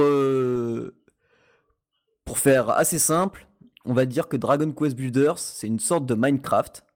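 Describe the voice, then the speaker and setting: A man's voice: medium pitch, creaky, a little mellow. A man chatting casually about a video game, rambling with many hesitations and restarts. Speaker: podcast host reviewing a video game. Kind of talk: casual chat.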